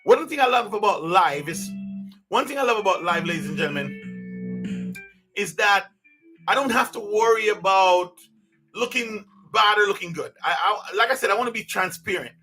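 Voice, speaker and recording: Earnest man in his fifties, high and bright, unscripted podcast host who restarts his sentences a lot. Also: big pitch swings, normal speed, soft background music. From Jamaica. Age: 50s. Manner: earnest, rambling with many restarts. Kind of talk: unscripted personal monologue.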